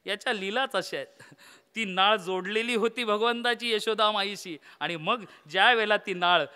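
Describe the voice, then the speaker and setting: A man's voice: sits high, moderate pace, bright, forceful tone, clean tone. A man preaching a comic devotional kirtan sermon, telling the story theatrically, quizzing the audience and breaking into song. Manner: asks the audience questions.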